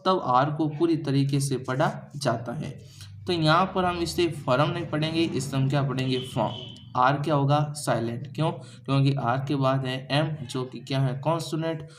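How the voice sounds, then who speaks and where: Hindi-accented male teacher quizzing students. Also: mid-range voice. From India. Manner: repeats rhetorical questions to students and answers them himself. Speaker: English teacher. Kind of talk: classroom lesson explaining grammar and pronunciation.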